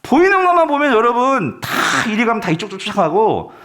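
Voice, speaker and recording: Animated high-pitched male pastor preaching. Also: fairly quick. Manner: animated, questioning the congregation. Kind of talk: sermon. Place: church sanctuary.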